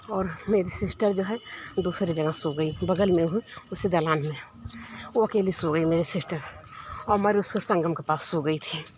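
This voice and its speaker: A woman's voice: fairly low pitch, noisy background. A woman telling a long personal story in a casual, rambling way, repeating herself and laughing often. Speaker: vlogger.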